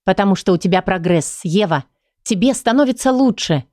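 A woman reading the lines of a calm, persistent female psychologist in an audiobook. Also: mid-range voice, fairly quick, dry recording, clean studio sound, natural voice. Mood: insistent.

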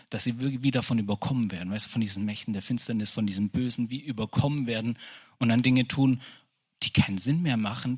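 A man's voice: lowish voice, husky. A man giving an informal sermon in a chatty style, often asking "you know?" and restarting his sentences. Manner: conversational, repeats "weißt du", restarts often. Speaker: preacher.

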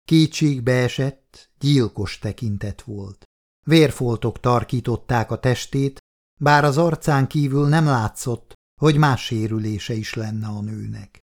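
Man, audiobook narrator, measured expressive reading, mid-pitched, scripted narration. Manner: measured, expressive reading with hushed quoted lines.

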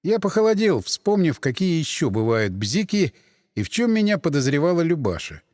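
A man narrating a first-person audiobook in an expressive, wry storytelling manner. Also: a little high, normal speed, dry recording, studio quality, long reverb tail.

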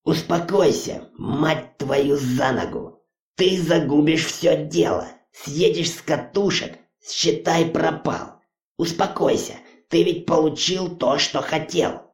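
A man voicing an impatient, gruff male biker who barks urgent orders, on a muffled, roomy recording. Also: fairly high pitch, takes it slowly, pitched above the performer's own voice. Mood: scolding. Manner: barking, urgent. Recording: muffled distant roomy recording, faint music.

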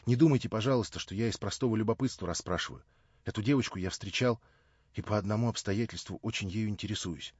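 A man's voice: on the low side, fast, darkish tone, husky, no room sound. A man voicing an earnest, indignant young man in an audiobook. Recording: slightly dull lo-fi audio.

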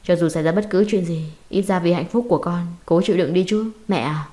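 A woman reading as a stern son, grieving quietly. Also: fairly low pitch, fairly quick, close to an everyday voice. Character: young man, cold, commanding son.

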